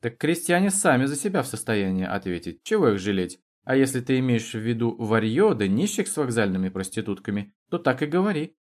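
A man's voice: mid-range voice, animated, a little fast, hardly any pauses, a little mellow, natural voice. A man reading the lines of a blunt, mocking young male student with a coarse, plain-spoken way of talking.

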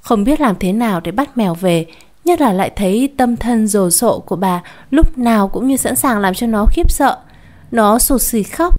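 A woman with a fairly high voice reads a short story aloud. Her narration is calm and measured, slipping into the characters when they speak. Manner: calm, even narration with acted dialogue.

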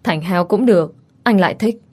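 A woman's voice: medium pitch, moderate pace, close to an everyday voice. Woman reading a doting young husband. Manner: soft, caring, reassuring.

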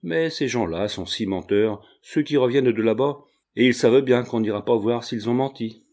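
A man's voice: medium pitch, normal speed, a little mellow, close to an everyday voice. A man reading an audiobook, voicing a fretful, talkative old peasant mother who laments and exclaims. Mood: chatty.

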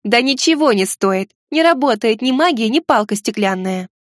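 A woman's voice: on the high side, expressive, moderate pace, no room sound, studio quality, close to an everyday voice. A woman reading aloud, voicing a snappish, bitter young sorceress who shrieks and sulks. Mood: mocking.

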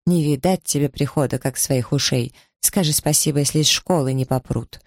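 A man's voice: normal speed, no room sound, studio quality, close to an everyday voice. A man voicing a spiteful middle-aged village woman who shrieks and gloats, in an audiobook. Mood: shrill gloating. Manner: shrill, gloating.

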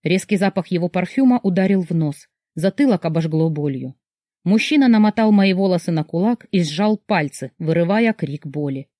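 A woman narrating a dark first-person novel as an audiobook, reading with tense emotion. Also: fairly low pitch, expressive, moderate pace, no echo, studio quality.

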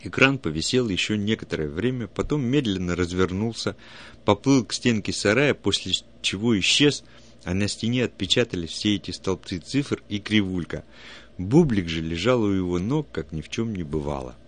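Steady low-voiced male audiobook narrator. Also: normal speed. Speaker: audiobook reader. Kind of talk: storybook narration.

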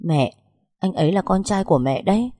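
A woman's voice: medium pitch, expressive, brisk, dark tone, no echo, studio quality, natural voice. A woman voicing a young pregnant wife who speaks hesitantly, stammering and pleading.

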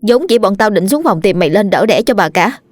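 A woman voicing a quick-witted young servant girl who talks briskly and scornfully. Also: medium pitch, no room sound, natural voice. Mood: angry scorn. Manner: brisk, sharp, contemptuous.

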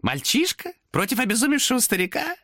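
A man voicing a cruel, mocking male demon trapped in a wooden carving, with a hoarse, raspy voice, in an audiobook. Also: very high voice, wildly swooping pitch, brisk, pushed and bright, dry recording, studio quality, pitched above the performer's own voice, full character voice. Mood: taunting. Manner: taunting, gloating, shrieking. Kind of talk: audiobook narration.

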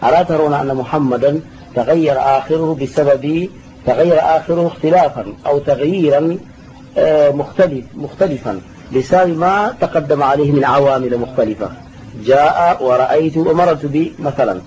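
A sheikh explains an Arabic grammar text in a classroom lesson, speaking at a moderate pace in a slightly mellow voice on the high side. He patiently repeats key terms and fields students' questions. The recording sounds dull and lo-fi, with faint hiss.

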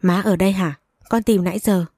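A woman's voice: mid-range voice, fairly even intonation, a little fast, warm tone, no room sound, clean studio sound, lightly acted. A woman voicing an anxious, scheming elder daughter-in-law who talks in a fretful, wheedling way in a storybook reading.

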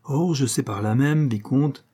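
A coquettish, sly marquise , read aloud by a man, toys with her guest through arch, teasing questions. The voice stays mellow and dark, with a husky edge. It is a storybook reading, not a fully acted performance. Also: mid-range voice, measured pace.

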